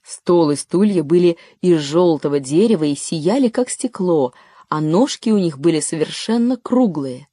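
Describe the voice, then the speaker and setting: A woman reading a children's story aloud as narrator, in a steady, even storytelling manner. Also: fairly low pitch, moderate pace, no room sound, studio quality. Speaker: audiobook narrator. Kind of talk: scripted narration.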